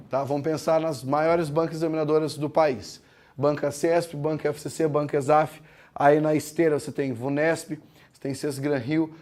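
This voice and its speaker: A man teaching a grammar lesson, explaining step by step, asking the class questions, and slowing down to break words into syllables. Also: fairly high pitch, dark tone. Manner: slows down to spell out words syllable by syllable. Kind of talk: classroom lecture.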